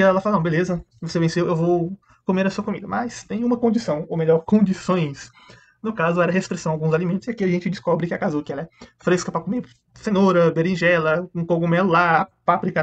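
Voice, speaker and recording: In a casual, chatty tone, a high-sitting male anime reviewer zips through the plot of some episodes, quickly imitating the characters' lines. The audio is dull.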